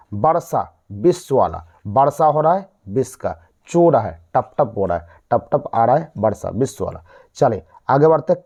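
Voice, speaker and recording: A man's voice: on the high side, a little mellow. A man with a Bihari Hindi accent teaching general knowledge mnemonics, repeating and quizzing in a call-and-response way. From India. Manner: repetitive, drilling call-and-response. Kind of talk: exam mnemonic lesson. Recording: dull lo-fi audio.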